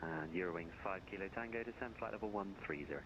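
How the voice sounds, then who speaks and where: A man's voice: low-pitched, a crowd in the background. Man controlling traffic, mic cutting in and out. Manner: brisk, routine, fumbles briefly when searching. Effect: mic keeps cutting out, uneven volume. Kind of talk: clipped radio phraseology. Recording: lo-fi noisy radio line.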